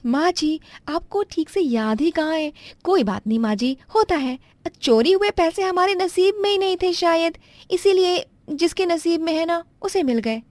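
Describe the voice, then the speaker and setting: A woman voicing a scheming young wife who lies and stammers out excuses in a high voice. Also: lively intonation, moderate pace, darkish tone, no echo. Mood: pleading. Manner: high, pleading, fibbing with stammers.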